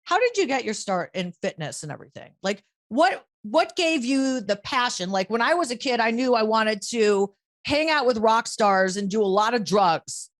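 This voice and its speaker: A woman's voice: a little high, animated, normal speed. A woman hosting a podcast in a casual, blunt chatty manner, swearing freely. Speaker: podcast host.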